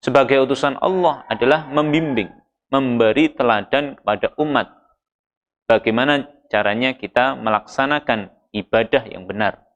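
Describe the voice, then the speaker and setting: A man giving a Ramadan sermon, reciting Arabic verses and explaining them in a measured preaching manner, lifting his voice for emphasis. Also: medium pitch, muffled recording. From Indonesia. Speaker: Islamic preacher.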